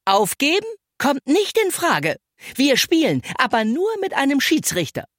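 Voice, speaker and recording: A storyteller voicing a stubborn young girl footballer, defiant and determined, in a high voice. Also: moderate pace, no room sound, clean studio sound, close to an everyday voice.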